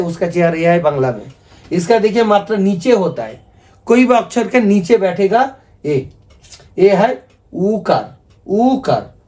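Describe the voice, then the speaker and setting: Man, native Bengali speaker, high voice, patient teacher, repeats points often, lesson video. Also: darkish tone. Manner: patient, repetitive explaining, asks viewers to repeat after him. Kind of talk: video lesson explaining script.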